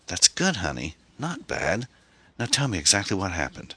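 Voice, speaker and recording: A man voicing a gentle, supportive middle-aged woman who coaxes and reassures her anxious friend. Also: deep voice, huge pitch swings, normal speed, husky, no echo, voice pushed up, heavily acted. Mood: coaxing. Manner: coaxing, reassuring.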